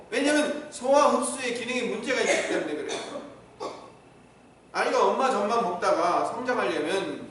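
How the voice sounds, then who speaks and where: A man's voice: extremely high pitch, a bit bright, slight background noise. A middle-aged male pastor preaching a sermon, teaching and asking the congregation questions. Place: church sanctuary. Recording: echoey hall, mic from far off.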